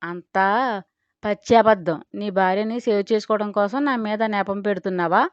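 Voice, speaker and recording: A deceitful young woman shrieks her denials and swears she is innocent, as a woman narrator puts her on. Her voice is at a middle pitch for a woman. The recording is dry and slightly dull. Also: normal speed, dry recording, close to an everyday voice. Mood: shrill. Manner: shrill, shouting. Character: shrill, lying young woman shouting at her accusers.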